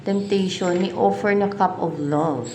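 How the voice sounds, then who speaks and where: A woman doing a tarot reading, musing slowly and questioning herself aloud as she reads the cards. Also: fairly low pitch, dark tone. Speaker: tarot reader. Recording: echoey room, faint background noise.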